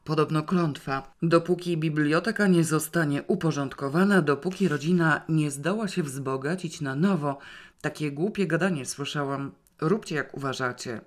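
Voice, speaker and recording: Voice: mid-range voice, moderate pace, natural voice. A reader voicing a stern, sarcastic elderly grandmother who talks in a curt, scornful, commanding way. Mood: dry.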